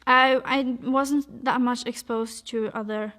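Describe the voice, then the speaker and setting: A woman's voice: fairly high pitch, steady tone, takes it slowly, fairly bright tone. Hesitant young woman telling her story. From Norway. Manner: hesitant, many fillers and restarts. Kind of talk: personal testimony, casual.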